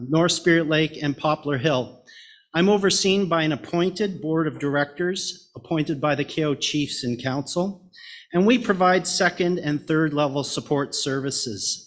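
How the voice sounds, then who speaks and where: A middle-aged man with a Canadian Maritimer accent delivers a prepared presentation. His voice sits a little higher than usual for a man, and he moves through his points in a measured, orderly way. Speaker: education director, presenter.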